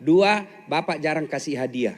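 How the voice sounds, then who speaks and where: High-voiced joking preacher man. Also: expressive, moderate pace, very noisy. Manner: joking, teasing the audience, acting out little scenes. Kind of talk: humorous sermon to a live audience. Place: police headquarters hall with audience.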